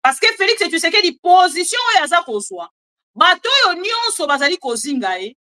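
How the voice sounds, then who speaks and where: A woman with a Congolese French accent giving animated, chatty political commentary and joking asides to her viewers. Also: very high voice, normal speed. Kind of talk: casual live commentary, French mixed with Lingala.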